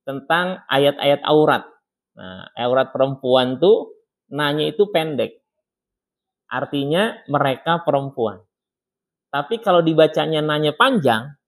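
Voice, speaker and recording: A man leads a Quran recitation lesson in a mosque study circle, his voice sitting a little high for a man. He explains each point plainly, breaks into slow, melodic chanting of the verses, and calls on students by name to test them. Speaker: Islamic teacher.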